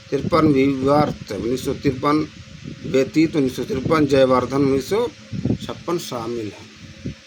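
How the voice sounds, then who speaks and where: A man tutoring exam questions, repeating key phrases and drawing out each answer option. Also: a little high. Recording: noisy background with passing traffic.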